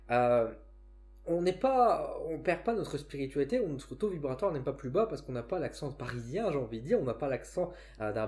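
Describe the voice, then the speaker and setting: A man's voice: medium pitch, darkish tone. A man with a northern French accent, a spiritual vlogger, talks casually to camera in a reflective way, often hesitating and restarting his sentences. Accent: northern French (Ch'ti). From northern France.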